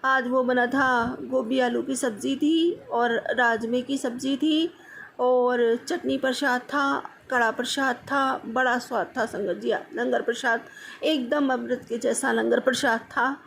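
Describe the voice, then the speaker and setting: High, gravelly middle-aged woman devotee. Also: steady tone, slow pace, a little hiss or hum. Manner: repeatedly addresses the listeners as "sangat ji"; repeats words of thanks over and over. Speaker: devotee sharing a satsang experience. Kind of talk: devotional testimony, casual storytelling.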